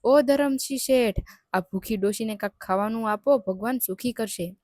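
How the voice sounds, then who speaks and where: A woman's voice: medium pitch, steady tone, fairly quick, a little mellow, no echo, studio quality, natural voice. A woman voicing a hungry, ragged old beggar woman in a devotional storybook tale. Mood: pleading. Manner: pleading, kindly blessing.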